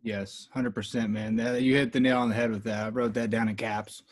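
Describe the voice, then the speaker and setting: A man, a baseball coach, speaking in a fired-up, energetic way on a video call. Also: fairly low pitch, brisk, dry recording. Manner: fired up, energetic, laughs easily.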